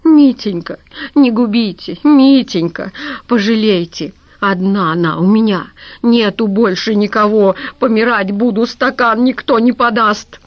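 Elderly aunt, voiced by a woman, shrill, tearful, pleading, audiobook reading, dry lo-fi sound. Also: unhurried, no room sound, lightly acted. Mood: wailing pleading. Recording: dull lo-fi recording.

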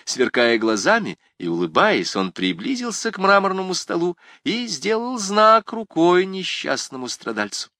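A man narrating a literary novel with a dramatic, expressive delivery. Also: sits high, moderate pace, few pauses, no room sound, studio quality. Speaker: audiobook narrator.

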